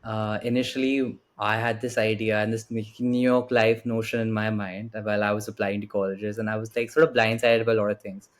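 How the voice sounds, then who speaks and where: A man's voice: on the low side, flat delivery, brisk, few pauses. A young man in his late teens with an Indian accent, answering casually and politely as an interview guest, often saying "like" and "you know". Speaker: podcast guest, student.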